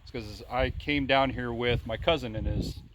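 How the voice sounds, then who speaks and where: This medium-pitched, slightly bright male voice moves at a moderate pace on a low-quality recording. He's a Midwestern vlogger in his forties, casually interviewing a friend outside at an old country bridge.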